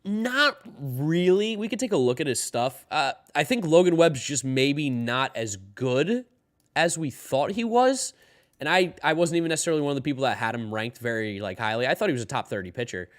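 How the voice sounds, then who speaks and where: A man's voice: medium pitch, expressive, a little fast. A man hosting a daily live sports stream, talking loosely and answering chat questions while sounding tired. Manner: loose and rambling, reads chat questions aloud. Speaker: host of a daily baseball stream.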